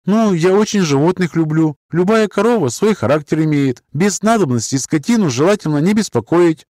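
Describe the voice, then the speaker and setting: A man's voice: on the high side, expressive, fairly quick, darkish tone, no room sound, studio quality, pitched above the performer's own voice, natural voice. Man voicing a shy young milkmaid girl. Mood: earnest. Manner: earnest, chatty.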